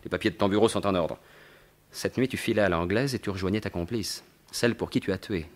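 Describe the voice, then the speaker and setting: A suave, derisive gentleman thief is brought to life by an actor in a French radio mystery done in 1950s style, his delivery sardonic, assured and theatrical. He speaks fast in a lowish, natural voice, with a commanding, menacing mood.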